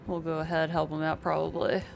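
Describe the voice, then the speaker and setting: Casual, sarcastic gameplay streamer; mid pitch, music under. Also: completely flat delivery, a little fast, gravelly. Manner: chatty, sarcastic.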